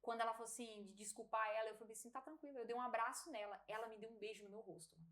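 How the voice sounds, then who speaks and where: Brief: Brazilian-accented woman, podcast guest, animated storyteller, a little high voice. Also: racing. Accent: Brazilian Portuguese. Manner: animated, laughs often, acts out dialogue. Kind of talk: casual testimony storytelling.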